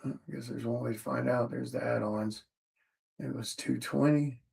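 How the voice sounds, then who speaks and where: A man's voice: mid-range voice, steady tone, moderate pace, creaky, darkish tone, husky. A tired man who is a comic artist, chatting casually on a livestream while he sorts orders and mutters the items to himself.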